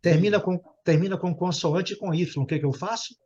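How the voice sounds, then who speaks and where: A man's voice: sits high, moderate pace, darkish tone. A man teaching English vocabulary to a small class, repeating words and explaining pronunciation patiently. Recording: dull lo-fi audio.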